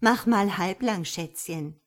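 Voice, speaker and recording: A woman's voice: medium pitch, slow pace, natural voice. A woman reading a storybook aloud and voicing a cheeky, defiant female angel with a brash, slangy way of talking.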